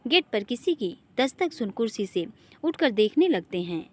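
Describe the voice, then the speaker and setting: A woman's voice: a little high, very animated, normal speed. A woman narrating a scripted family drama story, reading every character's lines in her own voice.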